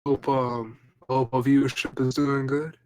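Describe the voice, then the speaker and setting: A man's voice: medium pitch, level tone, a little slow, a little mellow. A man co-hosting a podcast in casual chat, laid-back and teasing, swearing freely over voice chat. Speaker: podcast co-host.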